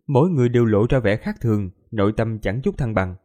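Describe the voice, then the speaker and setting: Male audiobook narrator, warm dark tone, steady storytelling. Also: fairly low pitch, fast talker.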